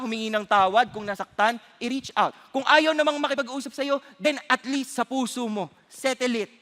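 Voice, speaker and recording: A man preaching a sermon, telling a personal story with lively acted-out voices and switching between Filipino and English. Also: extremely high pitch, long reverb tail.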